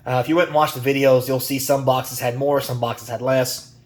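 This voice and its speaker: A man hosting a casual card-opening vlog, chatty and folksy, getting over a cold and clearing his throat now and then. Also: medium pitch, steady tone, brisk. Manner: chatty, folksy, airline-captain catchphrases. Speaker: YouTube card channel host.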